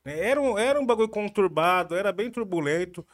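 A man hosting a casual podcast, slangy and energetic, talking straight to viewers. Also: high voice, fast talker. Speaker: podcast host.

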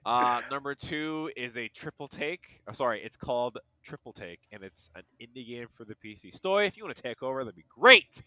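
A man's voice: mid-range voice, expressive, moderate pace, hardly any pauses, sharp tone, dry recording. A man co-hosting a casual podcast, reading game listings aloud, laughing often and tripping over his words. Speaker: podcast co-host.

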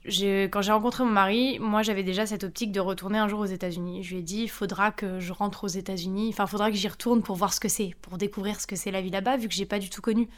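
A woman in her thirties, a podcast guest telling her own story in a chatty, lively way with frequent hesitations. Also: medium pitch, fast talker, few pauses. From France. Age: 30s. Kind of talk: casual interview storytelling.

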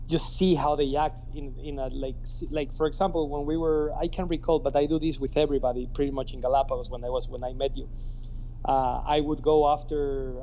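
A man from Ecuador speaks English with a Spanish accent, unhurried and friendly, tagging sentences with "right?". His tone is mellow and dark. The audio comes through a muffled remote call with a faint hiss. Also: mid-range voice. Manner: relaxed, tag questions "right?". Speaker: guest, scuba diving instructor. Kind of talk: casual remote interview.

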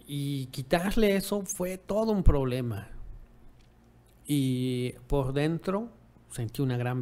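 In a relaxed monologue about dog ownership, a man speaks at medium pitch with a slightly mellow sound. He likes to finish remarks with tag questions like "right?" and performs other people's quoted lines.

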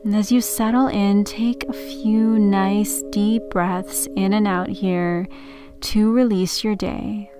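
A woman gently narrating a guided sleep meditation in the soothing, unhurried manner of a sleep story narrator. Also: mid-range voice, fairly even intonation, over music. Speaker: meditation podcast host and yoga teacher.

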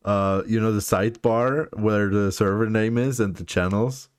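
A man's voice: fairly low pitch, moderate pace, smooth, dry recording, clean studio sound. A man co-hosting a podcast from home over a voice call, chatting casually and teasing his friend with a laugh. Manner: playful teasing, laughs while talking. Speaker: podcast co-host. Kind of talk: casual chat.

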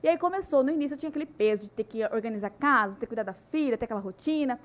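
A young woman telling her story in a casual podcast chat, animated and full of "né" tags. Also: fairly high pitch, very fast. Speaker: podcast guest.

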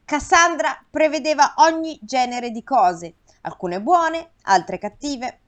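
A woman's voice: high-pitched, expressive, takes it slowly, fairly bright tone. A woman, co-hosting a casual podcast, reads an old myth aloud and breaks off now and then to banter. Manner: reads the story aloud with acted lines, stops to banter. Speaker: co-host reading a myth aloud.

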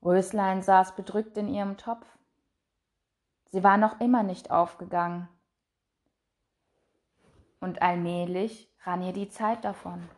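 A woman narrating a fairy tale in a soft, measured voice that trails off quietly. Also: mid-range voice, steady tone. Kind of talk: storybook reading.

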